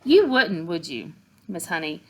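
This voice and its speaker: A woman's voice: lowish voice, very animated, measured pace, a little mellow, low-quality recording. Trunchbull, a barking bully headmistress, as a woman reads her. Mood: scornful. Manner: barking, scornful tirades. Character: huge bullying female headmistress, cruel and bellowing.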